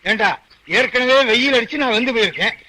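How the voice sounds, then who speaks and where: An actor playing a grumpy middle-aged boss in a comic film scene, blustering and exasperated. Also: male voice, extremely high pitch, fast, noisy background. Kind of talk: 1990s comic film dialogue.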